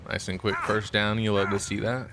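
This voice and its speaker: Talking fairly quickly in a lowish voice over a noisy background, a man streams gameplay with casual, meandering commentary packed with fillers. His nasal, stuffed-up tone makes him sound freshly woken.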